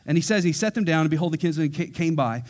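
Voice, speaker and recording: A man's voice: a little high, animated, quick pace, darkish tone. A man preaching a verse-by-verse sermon in a casual, conversational way, acting out quotes in everyday voices. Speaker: pastor. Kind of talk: expository sermon.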